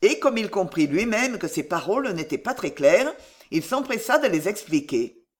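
A reader narrating a classic novel in an expressive audiobook style. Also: medium pitch, normal speed. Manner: expressive reading.

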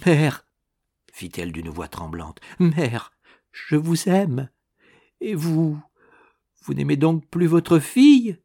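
A man reading a storybook aloud and voicing a gentle, pleading poor young woman. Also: a little high, very animated, takes it slowly, voice pushed up, heavily acted. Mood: tender.

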